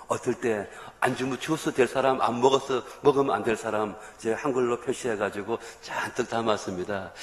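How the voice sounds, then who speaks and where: A man, a missionary preacher, telling a story in a sermon and acting out the voices of the people he quotes. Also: mid-range voice. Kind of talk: sermon testimony. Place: church sanctuary. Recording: echoey church hall reverb.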